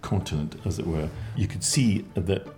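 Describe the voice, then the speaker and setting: A man from Scotland speaks in a low, mellow voice as he answers interview questions. He is reflective and often repeats a word while he gathers his thoughts. Faint music plays behind him. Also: moderate pace.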